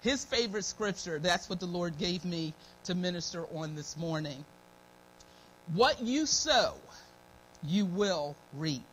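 Her voice sits on the low side and is fairly bright, animated, and slow-paced, with a slight dry scratchiness in the throat. A middle-aged American woman and church elder, she gives a folksy, devout, informal sermon of personal testimony and prayer at a pulpit in a church meeting room, repeating her thanks. The noisy recording is a live church stream.

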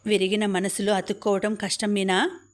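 Lady reading as a quiet young guy, calm and dry, pretty flat tone, audiobook. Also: mid-range voice, normal speed, lightly acted.

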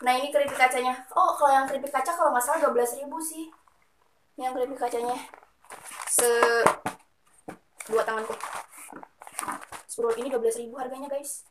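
A woman's voice: high-pitched, fairly even intonation, a little fast, pauses often. A young woman chats casually while unboxing and reviewing snacks for viewers. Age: young adult. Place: small room at home. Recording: very noisy room, crinkling packaging.

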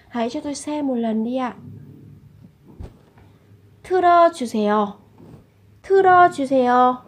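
A woman's voice: a little high, a little mellow, husky. A woman teaching a language lesson, repeating each example phrase and then explaining it.

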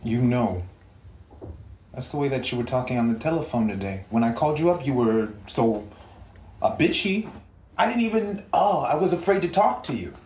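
A man's voice: medium pitch, big pitch swings, normal speed, a little mellow, natural voice. A man playing a flustered, pleading boyfriend. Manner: pleading, flustered, stammering apologies. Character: flustered young man pleading with his sulking girlfriend. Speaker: actor in a short film. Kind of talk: film dialogue, naturalistic acting. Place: living room of a home. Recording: roomy room echo, faint background hum.

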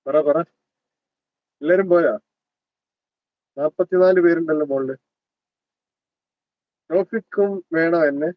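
A man's voice: a little high, measured pace, long pauses, dry recording. A man in his thirties with a Malabar Malayalam accent hosts a live stream, chatting and teasing as he greets viewers by name. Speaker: livestream host. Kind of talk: casual live chat reading comments. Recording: dull lo-fi dry sound.

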